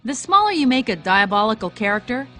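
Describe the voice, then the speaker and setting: Brief: female narrator, wry countdown read, lively pitch. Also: a little fast, faint music behind.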